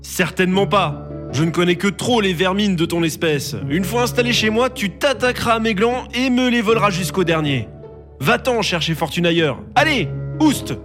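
A man doing a gruff, puffed-up oak tree. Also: high voice, normal speed, music in the background, lightly acted. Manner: gruff, dismissive. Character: proud oak tree, king of the forest, gruff, male.

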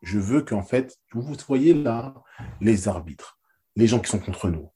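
A man's voice: lowish voice, lively intonation, unhurried, mellow, slightly rough, exaggerated voice. A man doing a fiery basketball coach rallying players. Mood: urging. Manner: urgent, commanding pep talk.

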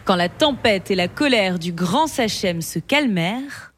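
A woman narrating a children's story in an expressive, melodic reading. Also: mid-range voice, a little slow. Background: background music.

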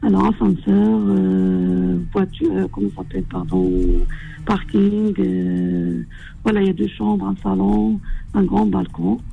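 An older woman from Morocco calling into a radio show, speaking in a halting, hesitant way with frequent apologies. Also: mid-range voice, very animated, creaky, phone-quality sound, faint music behind. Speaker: caller. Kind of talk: phone-in chat.

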